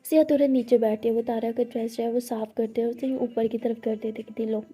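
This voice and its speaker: A woman's voice: on the high side, steady tone, brisk, mellow, husky. A woman narrating a romance story in a plain, conversational way.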